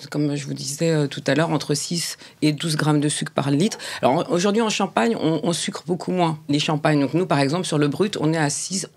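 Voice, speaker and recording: A woman with a gravelly, slightly husky voice talks through a process in an interview. She stumbles and restarts her phrases often, repeating small words as she searches for the right term. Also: low-pitched. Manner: halting, frequent restarts. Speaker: champagne producer. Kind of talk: explanatory interview talk.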